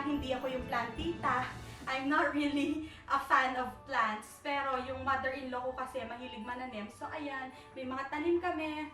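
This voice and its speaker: Heard from a distance, a young woman with a high-pitched voice vlogs a casual home tour of her apartment at night. She rambles, reaches for words, and mixes in English, her voice coming off-mic in an echoey room with faint music.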